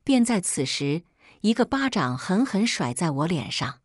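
A woman narrating a dramatic family story in an expressive, emotional way. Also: lowish voice, unhurried, no echo, studio quality.

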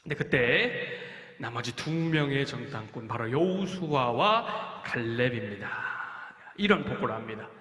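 Animated man telling a children's sermon. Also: mid-range voice, unhurried. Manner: animated, acts out quoted speech, asks children questions. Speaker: children's pastor. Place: church worship hall. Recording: echoey church hall.

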